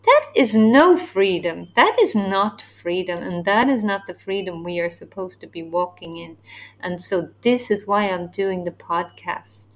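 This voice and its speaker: Slow, earnest woman teaching faith. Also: mid-range voice, lively intonation, rough recording. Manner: earnest and emphatic, acting out quoted voices. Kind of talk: spoken teaching podcast.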